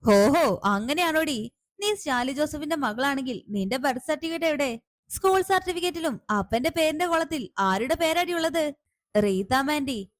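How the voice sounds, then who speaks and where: A woman's voice: sits high, lively intonation, moderate pace, no echo. A woman doing a scornful scheming aunt. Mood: mocking. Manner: taunting, contemptuous questions. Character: scheming middle-aged woman, harsh and scornful. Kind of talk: serial recap with acted dialogue.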